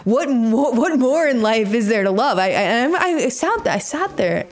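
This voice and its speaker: A woman's voice: on the high side, very animated, measured pace. A young woman guest telling a personal story conversationally, with an emphatic, incredulous manner. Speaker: show guest. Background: faint music.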